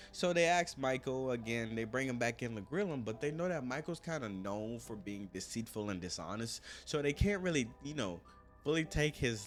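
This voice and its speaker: Man, mid pitch, slangy comedic crime storyteller, faint music behind. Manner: slangy, profane, joking asides.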